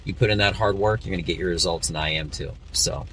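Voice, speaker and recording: A man speaking in a casual, unscripted podcast monologue, halting as he thinks aloud while driving through rain. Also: sits low, a bit bright. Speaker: podcast host, comedian. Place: inside a car, driving in rain. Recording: noisy car, distant mic, rain. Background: rain and car noise.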